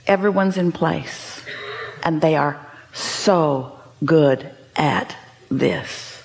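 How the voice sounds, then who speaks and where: A woman's voice: deep voice, slow, vocal fry, a little mellow, a little hiss or hum. A woman teaching a seminar audience, speaking as "we" and posing emphatic rhetorical questions. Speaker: inspirational speaker.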